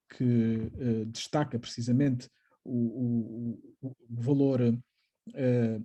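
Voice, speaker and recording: A man's voice: mid-range voice, dark tone, husky. A middle-aged man giving an academic lecture on poetry, often adding tag questions and hesitant fillers. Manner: frequent tag questions, hesitant fillers, reads quotations slowly. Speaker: literature professor.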